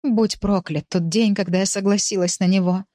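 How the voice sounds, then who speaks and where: A woman's voice: mid-range voice, fairly even intonation, normal speed, mellow, no room sound, studio quality, natural voice. A woman voicing a worn-down wife who pleads bitterly with her husband in an audiobook. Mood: pleading.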